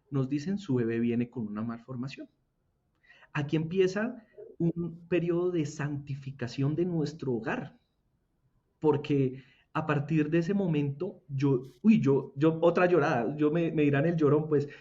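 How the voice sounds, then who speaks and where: A young man recounts his faith testimony in an earnest, halting way, circling back over his own words. His voice sits a little high yet sounds mellow. The recording is dull and lo-fi. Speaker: interview guest giving a faith testimony. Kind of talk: emotional personal testimony.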